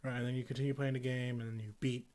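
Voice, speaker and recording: A man's voice: mid-range voice, little pitch movement, racing, a little mellow. Young male podcast co-host, casual, rambling, filler-heavy. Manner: rambling, filler-heavy, acts out game characters in silly voices. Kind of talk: casual chat.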